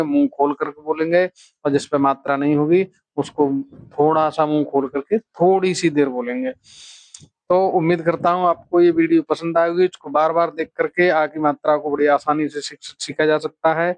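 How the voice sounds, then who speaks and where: A man's voice: a little high, no room sound. A man teaching children a phonics lesson, stretching out syllables and coaxing them to repeat after him.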